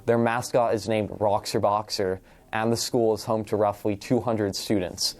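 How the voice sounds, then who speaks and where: A man's voice: on the low side, little pitch movement, moderate pace. A male student presenter reading scripted background facts in an informative, explanatory way. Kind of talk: scripted narration.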